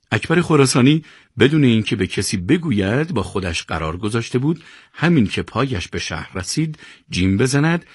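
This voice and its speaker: A man narrating a serialized radio novel in an expressive storytelling voice. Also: low voice, no echo, clean studio sound. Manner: expressive storytelling, greets listeners. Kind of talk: scripted narration.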